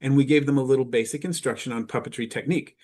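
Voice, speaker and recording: A man presenting at a teachers' conference in a mid-pitched voice. He explains carefully and unhurriedly, pausing on "uh" and restarting phrases as he walks through his examples. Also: darkish tone. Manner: measured, explanatory, with frequent "uh" fillers.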